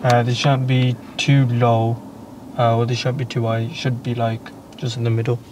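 Young guy learner driver, pretty flat voice, short unsure answers, noisy car background. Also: mid-range voice, normal speed. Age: young adult. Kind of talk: casual question and answer in a lesson. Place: inside a parked car. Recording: clear car background noise.

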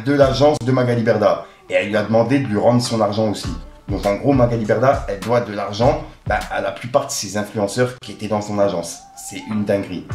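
A man's voice: on the low side, a little mellow. A man with a French accent giving a casual, slangy rap news recap and talking straight to his viewers. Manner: chatty, slangy, addresses viewers as "l'équipe". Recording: echoey room with music underneath.

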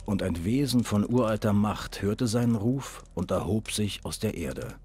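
A curt, husky game hero. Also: male voice, fairly low pitch, animated, a little slow, warm tone. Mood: reading. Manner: plain, curt. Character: terse male game hero. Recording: game audio with faint music.

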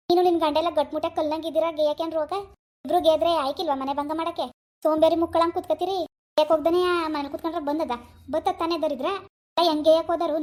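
A woman's voice: very high-pitched, darkish tone. A woman voicing a harsh older village mother in a cartoon, scornful and scolding. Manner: scornful, scolding, rapid rural talk. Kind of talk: cartoon voice acting.

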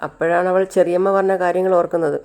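Woman storyteller, lowish voice, casual narration, acts out each character. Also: fast. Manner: lively, acts out every character herself.

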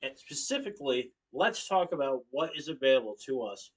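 Standing in the living room of his Connecticut home, a young man gives an informative speech for class, gesturing as he talks and occasionally fixing his own wording. His medium-pitched voice is brisk and sing-song. Recorded by a webcam on the far side of the room, the voice comes across from a distance.

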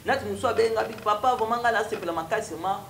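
A man's voice: sits high, fast talker, gravelly, fairly bright tone, reverberant, slight background noise. A young man with a Congolese accent, a prophet telling his testimony in a TV studio interview, switching between French and Lingala. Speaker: prophet guest. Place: TV studio with stone wall backdrop.

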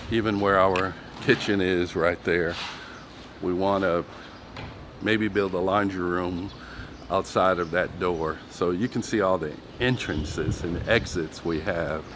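A man casually narrating a walking tour of his property outdoors, rambling with fillers, filmed on a handheld phone. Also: low-pitched. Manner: rambling, conversational, fillers like "you know". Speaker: vlogger giving a property tour. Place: outdoors on a street and yard in the sun. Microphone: handheld phone camera. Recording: outdoor phone recording with clear background noise.

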